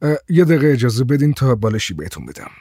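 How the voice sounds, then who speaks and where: A man voicing a polite, calm male motorist who speaks evenly and courteously. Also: mid-range voice, husky, dry recording, studio quality.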